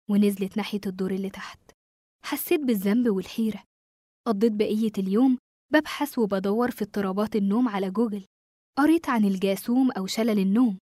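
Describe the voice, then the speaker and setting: A woman with an Egyptian accent narrating a first-person horror story in a hushed, suspenseful way. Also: mid-range voice, no echo, studio quality. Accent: Egyptian Arabic.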